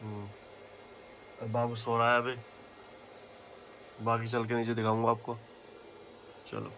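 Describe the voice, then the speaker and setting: A man's voice: medium pitch, little pitch movement, measured pace, fairly bright tone, a little hiss or hum. A man chatting to viewers as he narrates a family vlog at home. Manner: chatty, addresses viewers directly. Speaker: vlogger. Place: home, indoors.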